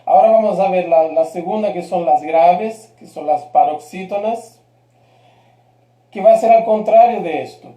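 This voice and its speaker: A man's voice: high-pitched, normal speed, warm tone, reverberant. A man teaching a live grammar lesson, patient and checking in often with his class. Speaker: Spanish teacher.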